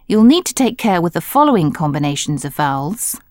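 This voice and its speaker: A woman narrates a language course in a slightly low voice. Her delivery is scripted, clear and measured, as she gives instructions and explanations. The recording is dry. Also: sing-song, a little mellow, dry recording.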